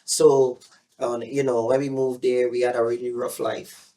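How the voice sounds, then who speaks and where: A middle-aged Guyanese man recounts his past in a loose, easygoing ramble, circling back with little fillers as he goes. His voice sits at an ordinary, middle pitch for a man. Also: unhurried. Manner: relaxed, rambling, with frequent fillers and restarts. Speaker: singer being interviewed. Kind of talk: casual interview storytelling.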